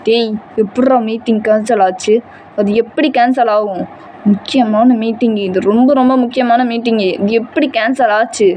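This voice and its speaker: A woman voicing a furious, short-tempered young man who shouts and scolds harshly in an amateur storytelling. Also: on the high side, steady tone, moderate pace, a little hiss or hum, close to an everyday voice. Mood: angry.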